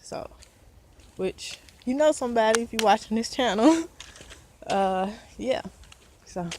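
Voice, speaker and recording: A woman's voice: fairly high pitch, animated, moderate pace, darkish tone, a little hiss or hum. A woman with a Southern US accent, vlogging outdoors in casual, earnest talk, a bit out of breath and encouraging. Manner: earnest, encouraging, rambling with fillers.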